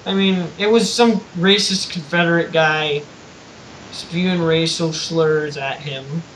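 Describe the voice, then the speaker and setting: High-voiced young man chatting casually. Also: steady tone, fairly bright tone, a little hiss or hum, rough recording. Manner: loose, profane, halting restarts. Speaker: co-host. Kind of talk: casual chat on a live stream.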